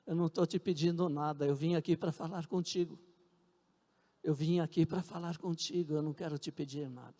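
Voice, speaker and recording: A ragged beggar speaks in a soft, calm voice, quieter than the sermon around him, as a pastor acts him out. The tone is mellow, with little edge. A long church reverb hangs behind every line. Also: male voice, on the high side, a little fast, close to an everyday voice. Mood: gentle.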